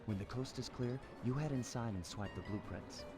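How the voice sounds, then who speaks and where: A man's voice: medium pitch, normal speed, lightly acted. A man voicing a suave young male raccoon thief who talks in a cool, laid-back, dry way, in a game. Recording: game audio with music behind.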